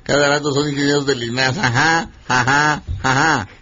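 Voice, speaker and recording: Radio host through a half-robotic mic. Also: male voice, mid-range voice, moderate pace. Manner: mock-robotic, deadpan jokes with a dry fake laugh. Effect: half-robotic, glitchy mic distortion. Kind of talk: jokey live radio banter. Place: radio studio. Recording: dull lo-fi radio broadcast.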